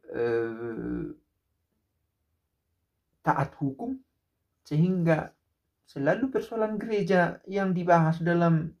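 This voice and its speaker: Through a muffled recording, a fairly high, darkish-toned male voice is heard: a man in his thirties musing to the camera in a small indoor room by a window. He's casual and reflective, piling up rhetorical questions, fillers and restarts.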